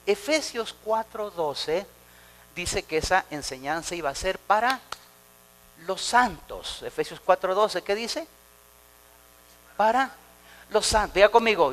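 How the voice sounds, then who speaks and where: A male pastor preaching a sermon, animated, calling the congregation to repeat after him and acting out quoted voices. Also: high voice, a little hiss or hum. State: anxious, fast talker. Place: church service.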